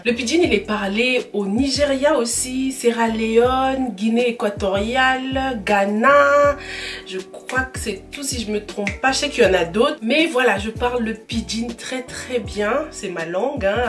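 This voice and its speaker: A woman in her twenties from Cameroon, hosting her own channel and answering viewers' personal questions in a chatty, often laughing way. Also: medium pitch. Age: 20s. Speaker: YouTube channel host. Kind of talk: casual Q&A vlog.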